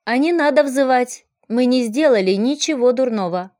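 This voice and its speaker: A woman reading the part of a decisive male caravan commander, speaking firmly and measured. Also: sits high, expressive, a little mellow, dry recording, clean studio sound. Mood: resolute. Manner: firm, measured.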